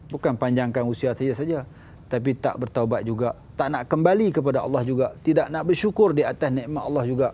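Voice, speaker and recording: A man with a Malaysian Malay accent, a religious teacher giving a lively sermon and acting out little scenes. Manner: animated, acts out little scenes, jumps to high voices. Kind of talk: lively sermon with acted dialogue.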